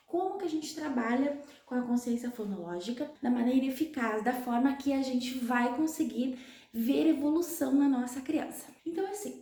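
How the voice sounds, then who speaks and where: A woman with a Brazilian Portuguese accent, a literacy educator explaining things to parents clearly, step by step. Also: high voice, dark tone, roomy sound.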